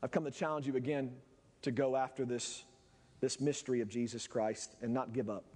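A man's voice: medium pitch, fairly even intonation, a little fast, a little mellow, slightly rough, big-room sound. A man preaching a sermon as pastor in his church, impassioned and repetitive, building to fervent peaks. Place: church sanctuary.

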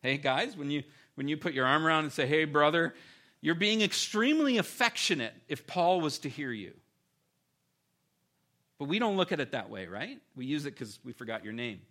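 A man preaching a sermon as pastor, with animated emphasis that keeps dropping to quiet, earnest stretches. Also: on the high side, normal speed.

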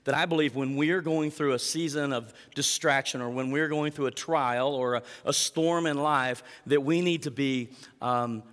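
A man's voice: mid-range voice, steady tone, normal speed, a bit bright, in a large hall. A male pastor preaching a sermon, reading scripture aloud with dramatic emphasis and asking the congregation for responses.

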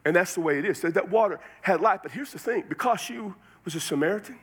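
A pastor from Texas with a Texan accent, preaching a sermon in a folksy, conversational way with plenty of colloquial phrasing. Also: male voice, sits high, lively intonation, fast talker, a bit bright, husky.

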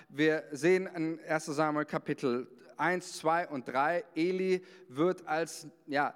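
A man's voice: fairly high pitch, clear, resonant tone. A male pastor preaching a sermon at a church service, reading scripture aloud and then explaining it in plain talk. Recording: long hall reverb.

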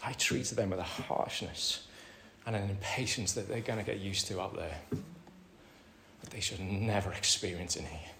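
A man with a British accent preaching a sermon in a conversational way, calling the congregation "folks" and swinging between loud emphatic lines and soft quiet asides. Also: sits low, animated, measured pace, vocal fry, slight background noise. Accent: British English. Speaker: pastor. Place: church hall. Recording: roomy church hall with faint ambience.

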